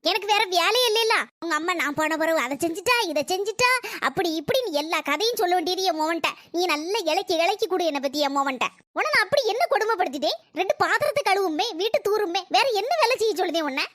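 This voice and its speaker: Performer doing an old nagging mother-in-law, very high voice, rapid sarcastic complaints, dry sound. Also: animated, a bit bright, no room sound. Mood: quarrelsome. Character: elderly grumbling mother-in-law, quarrelsome and self-pitying.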